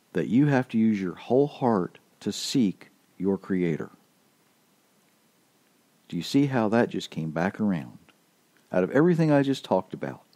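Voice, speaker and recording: A man delivers a casual podcast sermon in an earnest, emphatic manner, circling back over his key points. His voice is fairly low and dark, a little worn as he is slightly losing it, and the recording is dry.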